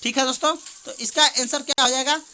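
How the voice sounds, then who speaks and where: A woman teaching exam prep, reading out multiple-choice questions and answers quickly and often saying "theek hai doston", with rain behind her. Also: high voice, steady tone, sharp tone. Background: rain heard in the background.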